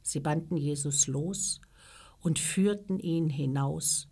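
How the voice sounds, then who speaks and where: A woman reading a Bible story for children in a measured storytelling voice, lifting her voice for the characters' lines. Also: deep voice, dark tone, husky. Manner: slow, measured reading, raising her voice for quoted speech.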